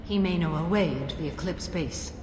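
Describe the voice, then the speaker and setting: A woman voicing a calm, rigid alien warrior-monk sworn to a code in a video game, speaking in a formal, measured way. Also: lowish voice, background noise, natural voice. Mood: solemn, resolute. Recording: echoey hall, loud music behind.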